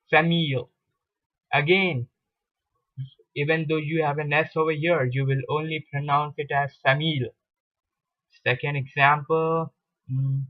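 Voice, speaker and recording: A man with a slightly high voice gives a recorded lesson on French grammar. He talks slowly and patiently and goes over each example more than once. The recording is dull and lo-fi, with a dry sound. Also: no echo. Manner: slow, patient explanation with repeated examples. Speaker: French teacher. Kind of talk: recorded video lecture.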